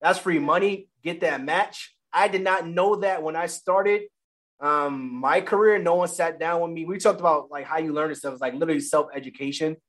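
A man and new father chatting casually about family money, talking loosely and correcting himself as he goes. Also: on the high side. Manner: fast, loose, self-correcting. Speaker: guest, father.

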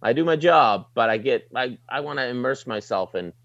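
A man's voice: mid-range voice, animated, moderate pace, fairly bright tone, no room sound, muffled recording. A middle-aged man with a light Maritime Canadian accent, chatting casually and informally in an interview as a sports broadcaster, plain-spoken and slangy. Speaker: sports broadcaster, desk anchor.

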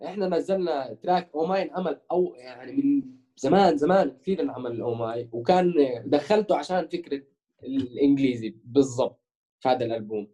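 A man's voice: medium pitch, fast, dark tone. A young man with a Jordanian-Palestinian Levantine Arabic accent, chatting casually as an interviewed musician and mixing in English words. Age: young adult.

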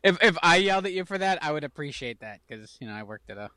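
Higher-voiced, bright man chatting casually. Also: big pitch swings, quick pace, smooth, no echo, clean studio sound. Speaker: talk show co-host. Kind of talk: casual chat and anecdotes.

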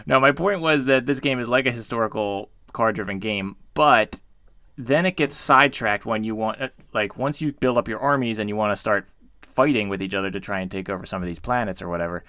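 A man's voice: lowish voice, fairly quick, pushed and bright, dry recording, clean studio sound. An older man in his eighties chatting casually and rambling off on tangents as a board game podcast co-host. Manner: rambling, chatty, easily sidetracked. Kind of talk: casual chat.

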